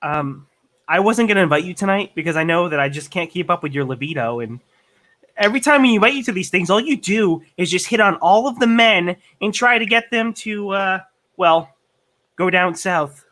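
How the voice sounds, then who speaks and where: A man improvising sketch comedy over a video call, mock-indignant and teasing. His voice is high and bright. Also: animated, moderate pace. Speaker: comedy troupe member.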